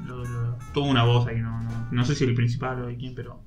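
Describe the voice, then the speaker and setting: A man's voice: mid-range voice, level tone, fast talker, darkish tone, roomy sound, soft background music. A man with an Argentine accent, a podcast co-host, chatting and joking with friends. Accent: Argentine Spanish. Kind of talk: casual chat.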